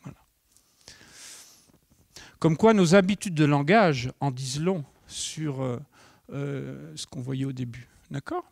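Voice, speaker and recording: A middle-aged man teaches at a conference in a fairly high voice, recorded close and dry. He keeps it lively, acting out little exchanges and turning to the room with questions. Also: slow pace, gravelly, pauses often, dry recording. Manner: lively, acts out dialogue, asks the audience questions. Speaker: nonviolent communication trainer. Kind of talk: live conference talk to an audience.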